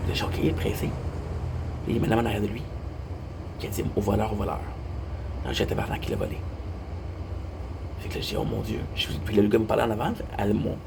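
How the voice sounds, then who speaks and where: A man's voice: fairly low pitch, gravelly. A young Québécois man telling a rambling story in a casual monologue, repeating himself and swearing casually. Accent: Québécois French. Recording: noisy background hum.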